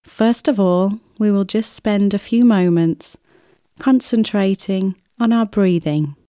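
A woman guides a relaxation exercise in a mellow, smooth voice. She moves very slowly through each scripted instruction, gentle and soothing, leaving unhurried pauses. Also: medium pitch, no room sound, studio quality. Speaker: relaxation therapist guiding an exercise. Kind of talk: scripted guided relaxation, body scan meditation.

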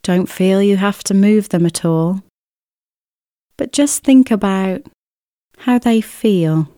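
A woman guides a relaxation exercise in a mellow, smooth voice. She moves very slowly through each scripted instruction, gentle and soothing, leaving unhurried pauses. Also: mid-range voice, no echo, clean studio sound. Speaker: relaxation therapist guiding an exercise. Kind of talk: scripted guided relaxation, body scan meditation.

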